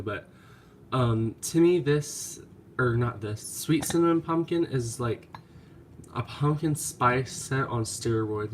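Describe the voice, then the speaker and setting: There's a little hiss or hum behind this mid-range male voice. The candle vlogger, nasal and stuffy from clogged sinuses, chats hesitantly and casually through his at-home haul video, rambling and saying um a lot.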